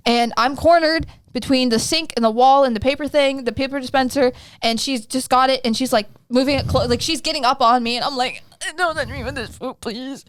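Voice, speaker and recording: A woman in her twenties, a podcast co-host, telling a story in casual chat, rambling and animated with lots of "like". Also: sits high, clean tone, dry recording. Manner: animated, rambling, heavy use of "like".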